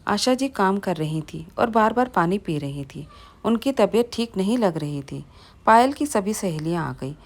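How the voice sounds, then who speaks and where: A woman narrating a moral family story in a plain, steady storytelling manner. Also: medium pitch, a little slow.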